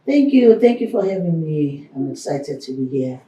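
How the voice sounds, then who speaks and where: A man's voice: fairly high pitch, big pitch swings, moderate pace, warm tone. A man speaking earnestly as a guest on a talk show, often saying "you know", recorded from a distant mic in a roomy space. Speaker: guest, organization founder. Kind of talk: studio talk show interview.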